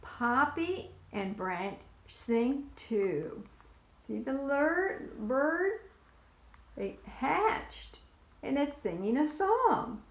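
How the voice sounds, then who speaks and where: In an echoey room, a woman with a high-sitting voice reads a picture book to preschoolers, slow but lively. She's a volunteer storyteller who quizzes her young listeners and points out the pictures as she goes.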